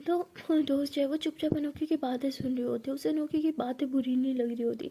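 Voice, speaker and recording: Woman telling a love story casually, high and mellow, chatty. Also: steady tone, brisk. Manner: conversational retelling with dialogue tags.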